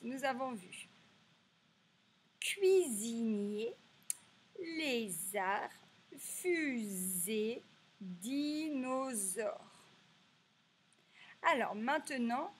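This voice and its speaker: A woman teacher giving a slow, clearly articulated reading lesson for young children, stretching out key words. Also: a little high, slight background noise.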